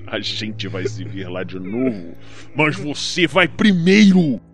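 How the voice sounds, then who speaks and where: An actor in a crime audio drama playing a vengeful enforcer, taunting, sardonic and foul-mouthed, speaking deliberately. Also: male voice, low voice, fairly even intonation, a bit bright. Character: menacing, vengeful male enforcer avenging his brother. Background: music.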